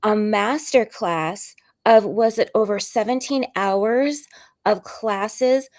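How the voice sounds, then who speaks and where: A woman hosting a casual interview on a video call, gushing with praise and firing off quick questions. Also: medium pitch, a little mellow. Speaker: host.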